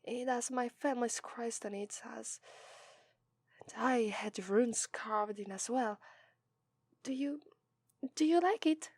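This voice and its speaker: An Italian voice actress plays a shy, affectionate young demon princess bride in an ASMR roleplay, her slightly high voice soft and gentle, often sinking to a whisper. She goes slowly, pausing often, and falters and restarts when nervous. The sound is clean studio audio with no room sound.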